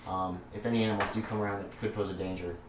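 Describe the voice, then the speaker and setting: A man running a tabletop game as game master, explaining things to players in a casual, halting way. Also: fairly low pitch, steady tone. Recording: roomy, distant mic, noisy background.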